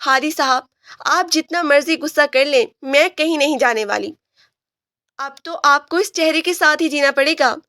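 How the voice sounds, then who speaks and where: Storybook read: a woman plays a proud, defiant young heroine who will not back down, high and dry. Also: bright, forceful tone, no room sound. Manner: teasing, defiant.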